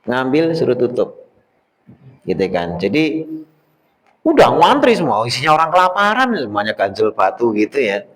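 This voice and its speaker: A man preaching at an evening religious study, telling a story with lively, acted-out dialogue. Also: mid-range voice, moderate pace, pauses often. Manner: lively storytelling, acts out quoted voices. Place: mosque study hall. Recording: long hall reverb.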